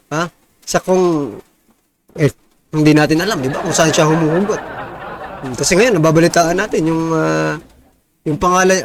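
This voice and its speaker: Chuckling high-voiced Filipino male vlogger. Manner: chatty, chuckling, asks rhetorical questions. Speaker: reaction vlogger. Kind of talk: casual political commentary.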